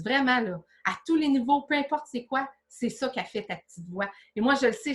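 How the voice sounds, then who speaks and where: A woman's voice: fairly high pitch, fairly bright tone. A woman with a Québécois French accent coaching an online audience in a motivational live talk, firing off direct, coaxing questions in a familiar, chatty way. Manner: familiar, chatty address with many fillers like "là". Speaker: business coach.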